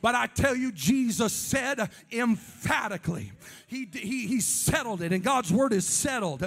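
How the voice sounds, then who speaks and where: A man preaching a Pentecostal sermon in a church, swinging between fervent shouts and hushed asides and calling on the congregation for amens. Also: extremely high pitch, lively intonation, normal speed, gravelly. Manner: calls on the congregation for amens and responses. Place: church sanctuary before a congregation.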